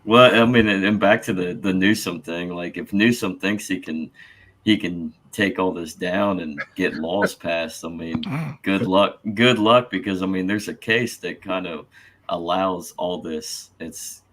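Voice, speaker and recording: A man's voice: low-pitched, fairly even intonation, unhurried, fairly bright tone. A man co-hosting a podcast, talking casually and often restarting his sentences. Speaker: podcast co-host. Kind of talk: casual chat.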